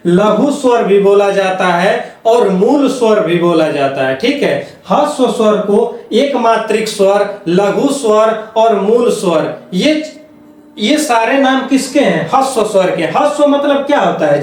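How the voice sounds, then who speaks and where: A man with a high voice gives an exam-prep grammar lecture. He repeats each point and asks questions that he answers himself. The sound is strongly echoey and picked up from a distance. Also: slow pace. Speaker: Hindi grammar teacher. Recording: echoey room, mic set far off.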